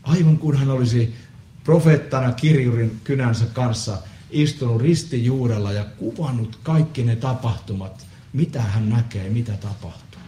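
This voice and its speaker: A man preaching a solemn Good Friday sermon, measured with pauses and the odd hesitant filler. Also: medium pitch, dark tone, slight background noise. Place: church. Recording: echoey church with faint ambience.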